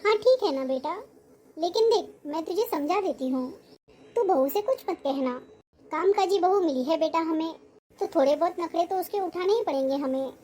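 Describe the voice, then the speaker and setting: A woman's voice: extremely high pitch, animated, moderate pace, mellow. A woman voicing a meek old mother-in-law. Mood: gentle. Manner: soothing and placating. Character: gentle, patient older mother-in-law.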